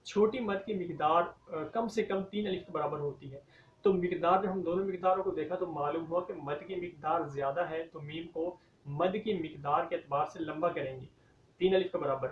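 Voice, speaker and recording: Male Quran recitation teacher, high voice, distant dull mic, roomy echo. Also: a little hiss or hum. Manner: explains common mistakes, then recites verses slowly and drawn out.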